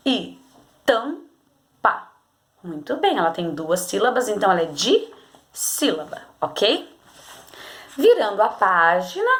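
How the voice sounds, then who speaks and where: A Brazilian woman teacher guiding children through a workbook lesson, explaining patiently step by step and checking in often. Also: a little high. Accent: Brazilian Portuguese. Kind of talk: recorded remote class lesson.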